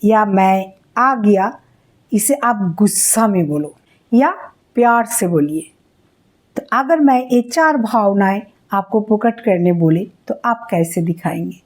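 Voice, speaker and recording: Slow, patient woman music teacher. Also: medium pitch, animated, darkish tone. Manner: slow, patient explaining with spoken demonstrations. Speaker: singing teacher. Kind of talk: music lesson on expressing emotion.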